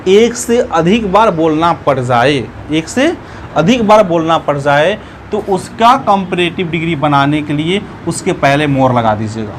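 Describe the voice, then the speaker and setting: Male English teacher, high and lively voice, patient step-by-step classroom delivery, faint traffic noise behind. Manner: explains step by step, repeats words slowly and syllable by syllable. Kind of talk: classroom grammar lesson.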